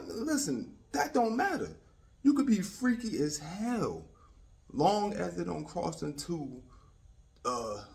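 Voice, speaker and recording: An American YouTube commentator offers casual, opinionated takes in a slangy, streetwise style, with a voice that's a little high. He repeats himself for emphasis and often checks that the listener is following.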